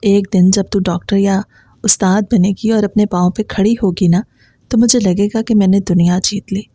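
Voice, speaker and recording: A woman reading a gentle devoted mother. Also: mid-range voice, steady tone, husky, no room sound, clean studio sound, close to an everyday voice. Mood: tender. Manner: soft, encouraging.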